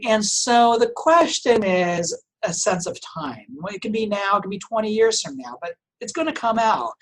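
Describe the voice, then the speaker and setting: A man's voice: high-pitched, pushed and bright. A middle-aged man from Portugal, a native Portuguese speaker, talking as a family law guest on a podcast. He speaks thoughtfully, often restarting his sentences and using fillers. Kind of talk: conversational podcast interview.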